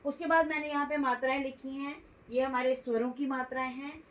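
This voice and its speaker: High-voiced woman teaching letters slowly. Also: flat delivery, a bit bright, distant mic. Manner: slow, deliberate, spelling out sounds one by one. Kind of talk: Hindi grammar lesson.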